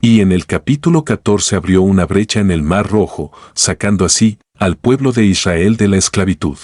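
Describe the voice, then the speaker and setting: Deep-voiced man reading devotional text. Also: expressive, darkish tone, dry recording, clean studio sound. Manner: measured reading, slowing on scripture references. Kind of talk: read-aloud devotional teaching.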